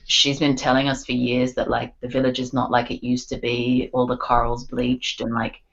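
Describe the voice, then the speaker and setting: An Australian singer-songwriter, guesting on a podcast, chats casually and sprinkles her speech with lots of "like" and "um." Her very deep, gravelly voice is monotone at a moderate pace, and the recording sounds muffled.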